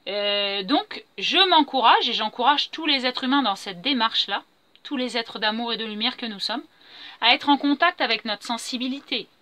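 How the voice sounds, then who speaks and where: A woman's voice: a little high, normal speed, pushed and bright, dry recording. A middle-aged woman talking earnestly and repetitively about her feelings in a spontaneous spiritual monologue. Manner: earnest, repetitive, self-affirming. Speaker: vlogger sharing personal growth.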